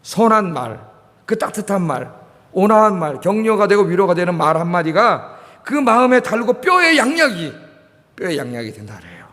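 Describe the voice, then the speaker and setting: Lively high-voiced male pastor preaching. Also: normal speed. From Korea. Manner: animated preaching, asks the congregation questions, repeats key words. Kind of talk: sermon. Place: church sanctuary. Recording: reverberant church hall.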